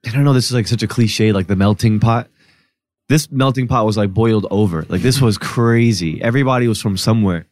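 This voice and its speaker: A podcast guest from Newark, New Jersey, reflects casually on his upbringing, telling stories and dropping "like" often. His voice sits fairly low and a little mellow, captured in a dry recording.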